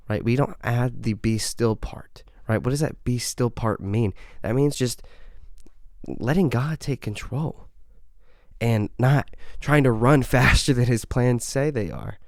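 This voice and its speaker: A man's voice: medium pitch, measured pace, no room sound, studio quality. A young man hosting a faith podcast, telling a personal story in an earnest, conversational way, often checking in with a "right?". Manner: earnest, conversational, frequent "right?" tags and soft laughs. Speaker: podcast host. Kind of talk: faith podcast testimony and encouragement.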